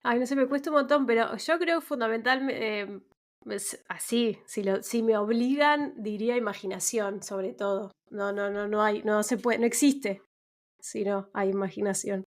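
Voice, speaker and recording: A woman's voice: mid-range voice, moderate pace. Chatty woman guest. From Argentina. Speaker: physician and researcher, guest. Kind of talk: casual interview.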